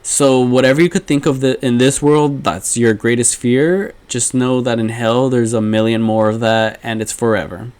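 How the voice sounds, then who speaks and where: Guy hosting his own talk show, middle pitch, rambly and casual, goes low and menacing on the quotes. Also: fairly even intonation, moderate pace, hardly any pauses, darkish tone, smooth. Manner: rambling, drops to low intense mutters when acting out threats. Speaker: podcast host.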